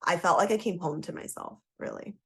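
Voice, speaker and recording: A woman with a somewhat low voice speaks as a podcast guest. She talks candidly and emphatically, with frequent fillers. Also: a little fast, fairly bright tone. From Toronto, Canada; born in Trinidad and Tobago. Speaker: guest, human design coach. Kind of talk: casual podcast storytelling.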